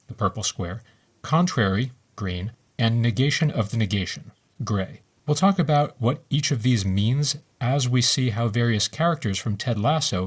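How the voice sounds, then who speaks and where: A man co-hosting a podcast, explaining screenwriting theory in a measured, lecturing way. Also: medium pitch, slightly rough. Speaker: podcast co-host. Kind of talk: explaining screenwriting, reading script scenes.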